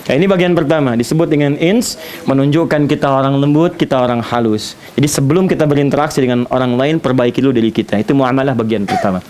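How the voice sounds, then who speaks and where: A man preaching an animated sermon lecture, using playful asides for the audience. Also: medium pitch, fast. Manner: animated, playful imitations of foreign speakers. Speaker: Islamic preacher. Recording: faint hiss.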